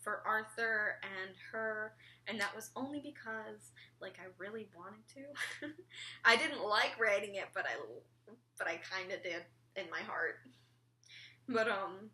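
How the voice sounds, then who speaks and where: A teenage girl chats through a casual vlog with a bright, clear tone. She rambles, throws in lots of "like" and "um", and swears offhandedly. Her pitch sits in the middle for a woman. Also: a little slow. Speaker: vlogger.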